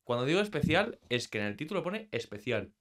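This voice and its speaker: A man's voice: a little high, very animated, fairly quick, a bit bright. A young man from co-hosting a podcast, teasing his friends while quizzing them. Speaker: podcast co-host. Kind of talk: casual chat.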